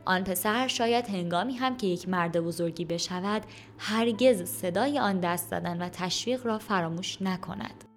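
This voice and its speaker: Calm woman narrating a storybook. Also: on the low side, slight background noise. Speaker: audiobook narrator. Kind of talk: scripted narration.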